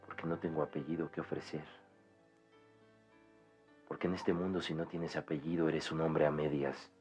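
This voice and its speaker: An actor playing a proud, bitter orphaned young man in a 1990s Mexican telenovela, speaking gravely with a Mexican Spanish accent. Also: very deep voice, level tone, a little mellow, faint music behind. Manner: grave, bitter, measured delivery. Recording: dull lo-fi TV audio, faint score.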